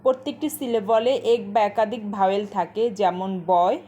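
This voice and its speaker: A woman teaching a short lesson in a patient, measured voice-over, explaining terms step by step. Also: mid-range voice, dark tone.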